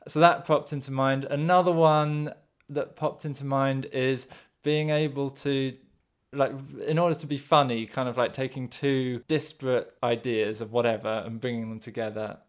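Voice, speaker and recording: A man co-hosting a casual podcast, talking in a halting, hedging way, restarting and correcting himself as he searches for words. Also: medium pitch, steady tone, smooth. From England. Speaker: podcast co-host.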